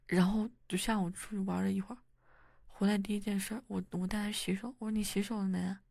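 A woman's voice: medium pitch, little pitch movement, fast talker, creaky, no echo. A young woman acting as a wife and mother in a whispered role-play, talking intimately and teasingly to her husband. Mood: chatty. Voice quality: soft whispery delivery. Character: young wife, playful, easily flustered.

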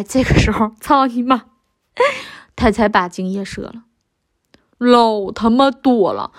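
A woman with a Northeastern Mandarin accent telling an explicit personal story in a crude, heavily profane, boastful manner. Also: medium pitch. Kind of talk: explicit confessional monologue.

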